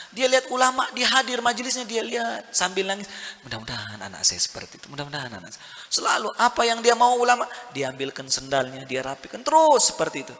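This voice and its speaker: A man's voice: on the high side, pushed and bright. A man preaching a sermon, often asking the audience questions and having them answer back. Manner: call-and-response questions to the audience. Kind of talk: religious sermon. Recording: reverberant hall.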